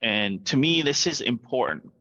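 A middle-aged startup founder from Vietnam speaks earnestly as a guest in a remote interview over a video call, often adding "right?". His mid-range voice is sing-song, pushed, and bright at a moderate pace, and the call audio is dull and lo-fi.

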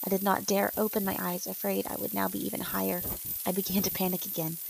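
A woman's voice: medium pitch, little pitch movement, quick pace, creaky, a little mellow, slight background noise, low-quality recording. A woman reading a first-person story aloud and speaking the characters' lines in nearly her own voice. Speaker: narrator.

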